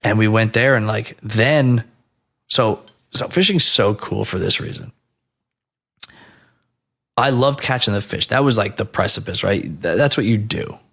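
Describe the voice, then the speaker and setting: A man in his thirties from New Jersey, telling stories as a podcast guest in a casual, animated and profane way. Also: lowish voice, measured pace, creaky, pauses often.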